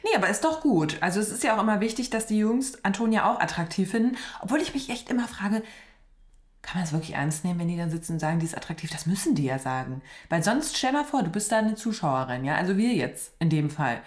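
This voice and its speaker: A woman's voice: mid-range voice, lively intonation, fast. A young woman reacting to a reality show from a small studio, chatty and blunt with sarcastic slang. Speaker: reaction streamer. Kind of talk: casual reaction commentary. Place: small decorated studio room. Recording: roomy echo.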